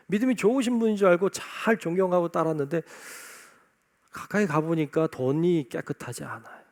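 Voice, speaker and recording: A man's voice: on the high side, gravelly, a little mellow. Guy preaching a sermon in church, emphatic, keeps repeating his point, voice jumps all over. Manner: emphatic, repeats key phrases. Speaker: pastor. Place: church sanctuary.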